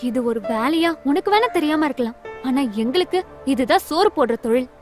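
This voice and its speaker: An actress playing a proud, poor young woman who collects rubbish for a living and talks quick and sharp. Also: sits high, lively intonation, over music. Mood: defensive.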